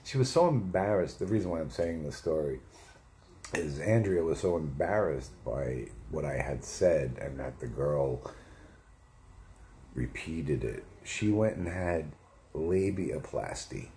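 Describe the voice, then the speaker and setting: A man hosts a livestream from his home setup, his very deep, mellow voice expressive and unhurried over a slight hiss or hum. He rambles through crude, profane anecdotes, correcting himself whenever he second-guesses a detail.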